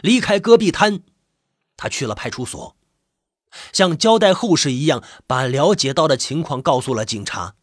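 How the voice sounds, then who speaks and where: A man with a husky voice, reading a suspense story in measured, expressive narration. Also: on the high side, no room sound, clean studio sound.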